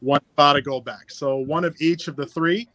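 Man, slightly high voice, upbeat and chatty, live stream host, talking into a phone. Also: fairly even intonation, a little fast, fairly bright tone, no room sound, poor audio. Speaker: livestream giveaway host. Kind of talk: casual live stream chat.

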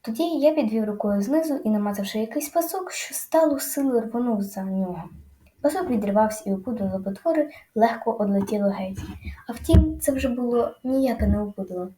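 A woman narrating a children's audiobook with lively, dramatic storytelling. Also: a little high, fairly quick, echoey room, a little hiss or hum.

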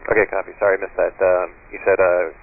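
A man's voice: low voice, level tone, fast, vocal fry. A man, an airline pilot, making terse radio calls to air traffic control over his cockpit headset, with hesitant fillers between standard phrases. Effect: pilot's headset radio transmission. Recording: tinny radio link with faint hiss.

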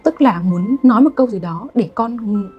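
A young adult woman giving an online literature lesson, lively and always asking her students rhetorical questions. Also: mid-range voice, moderate pace, dull audio, soft background music. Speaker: literature teacher.

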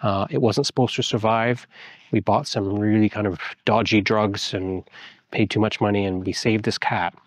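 A homeowner in his forties gives a rambling, casual tour of the garden and large garage of his old house, full of fillers and restarts. His lowish voice keeps fairly even intonation at a moderate pace, with clean studio-quality sound and no room echo.

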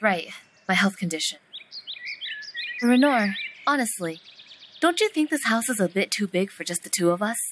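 A woman voicing a cheerful, easily embarrassed young wife in her twenties in an indie game, lively and gently scolding. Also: mid-range voice, moderate pace, long pauses, noisy background, lightly acted. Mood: gentle.

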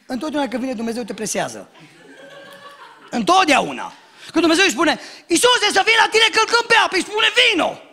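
A man preaching a sermon as pastor, telling jokes and acting out shouted lines and dialogue. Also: extremely high pitch. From Romania. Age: young adult. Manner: animated storytelling, acts out shouts and dialogue, jokes.

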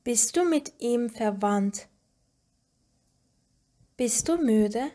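A woman reads short example sentences for a language lesson, one after another. She goes very slowly, pausing after each phrase so learners can repeat it. Her voice sits a little on the high side. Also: lively intonation, warm tone. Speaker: language teacher. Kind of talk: slow reading of example sentences.

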